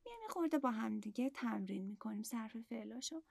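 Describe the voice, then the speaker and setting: Lively teacher woman with a gravelly edge. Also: fairly high pitch, dry recording. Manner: patient, explains step by step, repeats words slowly. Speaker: Italian language teacher. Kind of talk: online language lesson.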